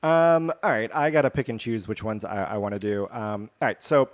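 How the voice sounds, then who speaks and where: A man's voice: lowish voice, a little fast. A man co-hosting a casual podcast, reading out news stories in a rambling, jokey way with lots of fillers and restarts. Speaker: podcast co-host.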